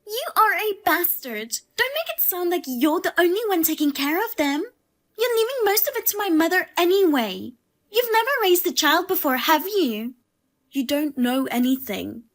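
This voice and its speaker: A pushy sister-in-law with a high, piercing voice, as a woman puts her on. She talks in a sharp, demanding and insulting way. This is a narrated storybook drama. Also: expressive, measured pace, full character voice. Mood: scornful.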